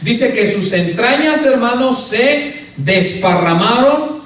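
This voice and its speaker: A man's voice: very high-pitched, expressive, slow, a bit bright. A male pastor preaching a sermon with emphasis, often calling out to the congregation as brothers. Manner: emphatic, often calls out "hermano". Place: church. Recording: echoey church hall, mic at a distance.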